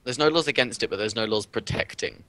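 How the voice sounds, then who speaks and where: A man co-hosting a casual podcast over a call, laughing often and talking in a lively way. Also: fairly low pitch, quick pace, no echo, low-quality recording. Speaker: podcast co-host.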